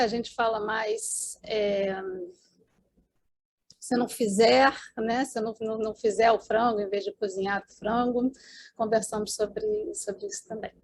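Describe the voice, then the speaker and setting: A Brazilian woman with a Brazilian Portuguese accent giving an academic conference talk over a video call, explaining as she goes with many fillers and tag questions. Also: a little high. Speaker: conference presenter.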